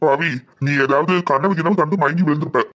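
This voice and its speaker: A calm cartoon husband and father, as a woman puts him on, reassuring his worried wife. He speaks fast, with a deep, low pitch. The sound is dull and lo-fi. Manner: soothing, reassuring, quick.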